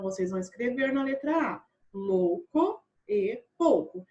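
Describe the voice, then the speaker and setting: A woman teaching a primary school grammar lesson online, patient. She repeats and spells out words slowly and often checks in with her pupils. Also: sits high, a little mellow.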